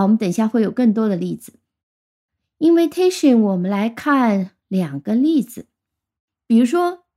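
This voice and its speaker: An English teacher with a mellow, slightly high voice gives a vocabulary lesson. She explains clearly and patiently, slowing down whenever she reads English example sentences.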